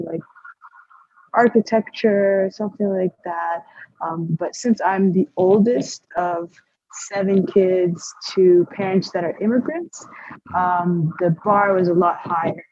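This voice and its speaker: A young woman chatting as a guest over a video call, relaxed, with plenty of fillers and sentences that fade off quietly. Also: fairly low pitch, no room sound, lo-fi sound. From Canada. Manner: relaxed, trails off softly, many fillers. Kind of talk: casual interview chat.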